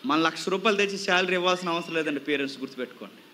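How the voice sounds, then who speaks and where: A man's voice: a little high, very fast, bright, forceful tone, a little hiss or hum. A male preacher giving a youth sermon, scolding his listeners with a stream of rhetorical questions.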